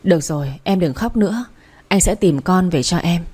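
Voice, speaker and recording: A commanding young father in an audio story, read by a woman, protective and quick to anger. His voice sits mellow and soft-edged in the telling, close and intimate. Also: high-pitched, lively intonation, husky. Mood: soothing. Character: wealthy young father, fierce when crossed.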